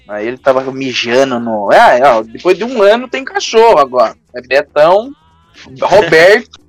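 A man's voice: a little high, dry recording. A young man with a Brazilian accent hosting a casual podcast chat, telling jokey stories full of slang and laughing often. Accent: Brazilian Portuguese. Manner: joking storyteller, laughs often, heavy slang. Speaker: podcast host.

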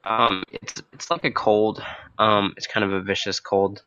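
A young man hosting a casual, spontaneous podcast with a hoarse, froggy voice from a cold, talking in a hesitant, unscripted way. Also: lowish voice, flat delivery, unhurried, sharp tone, a little hiss or hum. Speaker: podcast host. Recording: dull, lo-fi close recording.

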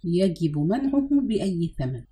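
A woman's voice: fairly low pitch, sing-song, unhurried, warm tone. A woman voicing a scheming middle-aged mother who coaxes her son in an audiobook reading.

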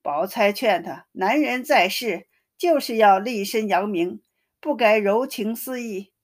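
A woman tells a classic tale at an unhurried, measured pace. Her voice sits at a medium pitch and stays steady and even from line to line, like a careful storyteller reading aloud. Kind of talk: scripted narration of a classic novel.

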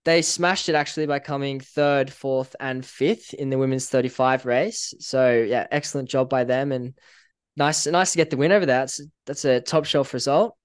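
A Northern Irish man talks casually on a podcast, relaxed and chatty, with fillers and small laughs. His voice is smooth and resonant, and the close mic sounds dry with no room around it. He sits at an ordinary middle pitch. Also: normal speed, no room sound. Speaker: podcast co-host.

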